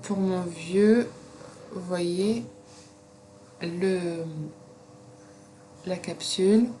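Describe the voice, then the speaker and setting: Speaking in a lowish voice with a non-native French accent, a woman teaches students how to use a piece of software. Her pace is slow and relaxed, and she stops frequently with fillers while covering each step. The audio comes from a computer microphone, with a little noise in the background.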